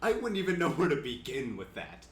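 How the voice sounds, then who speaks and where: Easygoing young male co-host, lively tone, echoey room. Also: mid-range voice, a little fast, a crowd in the background. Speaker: podcast co-host. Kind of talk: casual chat among friends.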